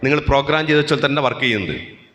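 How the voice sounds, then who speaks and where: A man's voice: mid-range voice, animated, racing, fairly bright tone. A man with a Malayali accent giving a rousing motivational talk to students in a large hall, often asking the crowd questions. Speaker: motivational speaker. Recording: echoey hall with long reverb.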